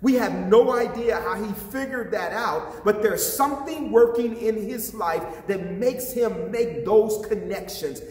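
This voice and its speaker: A man's voice: high voice, a little mellow. A man, an associate pastor, preaching a sermon with passion and putting questions to his listeners, recorded in a church sanctuary. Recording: echoey hall, voice from a distance.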